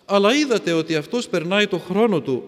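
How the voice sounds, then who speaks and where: Stern high-voiced holy hermit , as a male preacher quotes him, solemn rebukes ringing in a long-reverb hall. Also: animated. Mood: reproachful. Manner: solemn, reproachful, repeats himself for emphasis.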